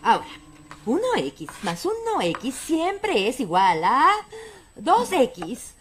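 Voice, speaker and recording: A woman's voice: a little high, huge pitch swings, slow pace, noisy background, full character voice. A woman voicing a nervous, oversharing, over-caffeinated schoolteacher in a cartoon dub, with a Latin American accent. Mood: jittery, giggly. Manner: nervous, giggly. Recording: music behind the voice.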